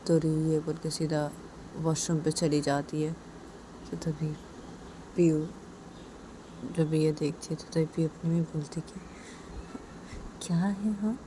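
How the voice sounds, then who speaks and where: A woman narrating a romantic story in a soft, plain, repetitive way. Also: low voice, monotone, unhurried, long pauses, noisy background.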